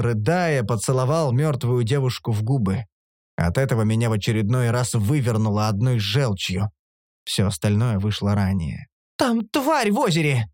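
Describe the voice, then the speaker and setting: A man narrating first-person fiction in an expressive, dramatic reading. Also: mid-range voice, no room sound, studio quality. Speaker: audiobook narrator.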